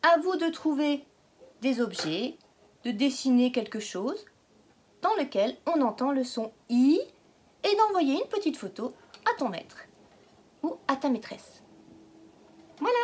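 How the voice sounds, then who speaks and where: Woman, kindergarten phonics teacher; high, unhurried, patient, exaggerated enunciation. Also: sing-song. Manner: slow, exaggerated word pronunciation; patient, questioning. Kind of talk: phonics lesson for young children.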